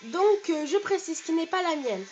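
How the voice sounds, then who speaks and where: A woman's voice: very high-pitched, lively intonation, normal speed, darkish tone, muffled recording, faint music behind. A woman in her bedroom giving a casual show-and-tell of her toy collection, chatty and full of hesitations as she reels off prices.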